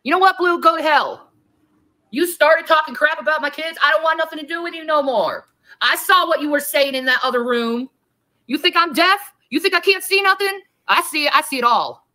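A woman's voice: high-pitched, brisk, sharp tone. A woman ranting on a livestream, heated, profane and confrontational, talking straight at her critics. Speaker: livestreamer in a played clip. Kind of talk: angry livestream rant.

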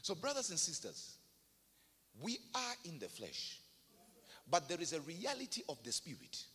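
A man delivers a sermon in a large hall whose long reverb trails behind every line. His voice sits high and swings widely in pitch, bright with a slightly husky edge. He drives his points home emphatically and keeps calling on the congregation to respond. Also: huge pitch swings, moderate pace. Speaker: preacher. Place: church hall.

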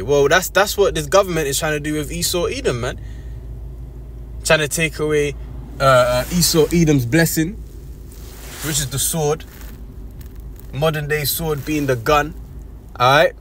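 A man's voice: a little high, unhurried, pauses often, a bit bright. Blunt man over traffic noise. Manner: blunt, profane, street slang, repeats "man". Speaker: scripture commentator. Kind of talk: casual scripture commentary.

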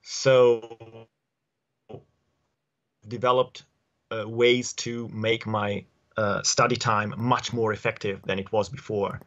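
This is a dull, lo-fi video call recording of an Italian-accented man in his forties, using an earphone headset mic. He's a guest answering interview questions in his home study among bookshelves, stumbling through with many fillers and restarts. His voice is fairly low and level, with a slight brightness.

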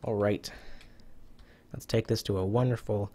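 A man's voice: on the low side, steady tone, unhurried, warm tone, rough recording. Chatty man narrating his gameplay. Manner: chatty, self-talking while playing, swears casually. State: slightly out of breath. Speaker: gaming YouTuber. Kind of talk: casual let's-play commentary.

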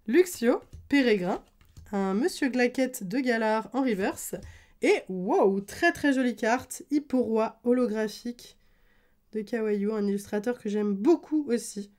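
A woman's voice: fairly high pitch, lively intonation, measured pace, darkish tone. Chatty enthusiastic young woman. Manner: chatty and enthusiastic, with frequent fillers. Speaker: card-collecting YouTuber. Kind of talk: casual unboxing commentary.

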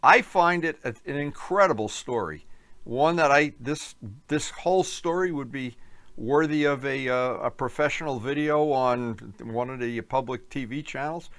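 A man's voice: mid-range voice, moderate pace, fairly bright tone. A man hosting a video in a hangar, chatting eagerly and exclaiming in amazement. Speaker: video host. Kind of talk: casual interview chat. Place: aircraft hangar.

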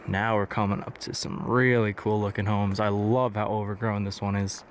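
Walking wooded roads and derelict buildings, a young man narrates his exploration casually for a handheld camera vlog. He speaks at a moderate pace in a fairly low voice with little pitch movement, over noisy outdoor audio.

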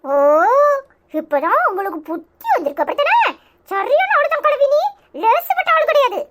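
A woman's voice: very high voice, very animated, moderate pace, heavy background noise. A woman voicing a sarcastic, nagging young grandson with a Tirunelveli Tamil accent in a cartoon. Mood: mocking. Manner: nagging, mocking questions. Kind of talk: cartoon voice acting.

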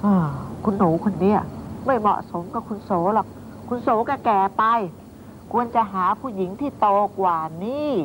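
An actress playing a fretful, kindly old nanny who scolds and fusses in a clucking way, in a TV drama. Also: female voice, mid-range voice, normal speed, background noise, lightly acted. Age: older. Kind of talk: TV drama acting.

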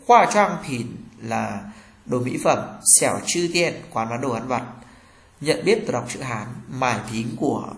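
A man's voice: medium pitch, animated, unhurried, vocal fry. Man teaching a language lesson, roomy sound. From Vietnam. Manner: reads example phrases then translates each one.

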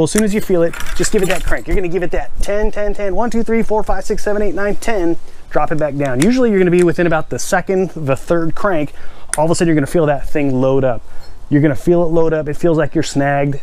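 Man, 40s, fishing channel host, slightly high voice, energetic, plainspoken, repeats steps, outdoors in a backyard. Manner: energetic, gestures while holding a rod; plainspoken, repeats key steps, counts out loud. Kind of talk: casual how-to demonstration.

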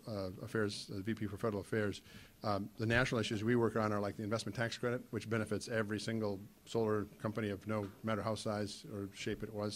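A middle-aged man on a conference panel, talking from a podium mic in a meeting room, halting with many fillers and restarts. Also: on the low side. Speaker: trade association panelist.

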